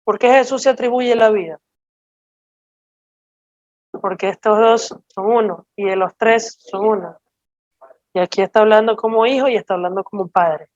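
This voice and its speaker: A woman preaching a sermon, teaching slowly and emphatically and checking in with her listeners as she explains scripture. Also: medium pitch, darkish tone, dry recording, dull audio.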